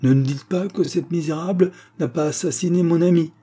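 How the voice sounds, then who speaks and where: A man's voice: fairly low pitch, normal speed, warm tone, breathy edge. A man voicing a sour, self-righteous elderly spinster who hectors and accuses. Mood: accusing.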